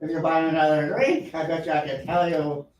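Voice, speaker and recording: An actor playing a chummy, wheedling town drunk who cadges drinks at a bar in a comic stage show. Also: male voice, a little high, fairly quick, darkish tone, natural voice. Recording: echoey, distant, noisy stage recording.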